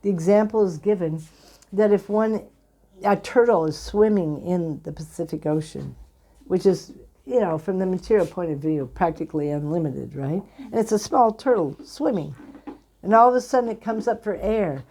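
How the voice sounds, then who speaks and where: A woman giving a devotional discourse in an earnest, gentle storytelling way. Her voice is warm and mellow and sits a little low. She often slips into short quoted lines as she teaches. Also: normal speed. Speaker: spiritual teacher.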